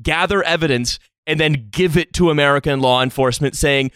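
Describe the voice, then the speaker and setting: A man's voice: on the high side, brisk, fairly bright tone, clear, resonant tone, no echo, studio quality. A man hosting a casual podcast chat, with a wry, joking delivery. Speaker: podcast host.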